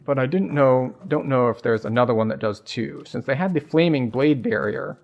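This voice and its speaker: A man's voice: mid-range voice, moderate pace, creaky, a little mellow, muffled recording. A man giving casual live commentary as he streams a video game, talking through his play. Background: faint game music.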